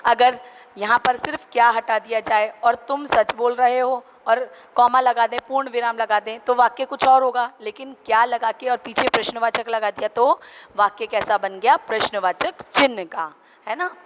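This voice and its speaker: A woman's voice: a little high, fairly even intonation. A woman teacher giving a school grammar lesson and repeating her examples as she explains them step by step. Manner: explains slowly, repeats examples, asks students questions. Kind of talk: online class lesson. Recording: clear background noise.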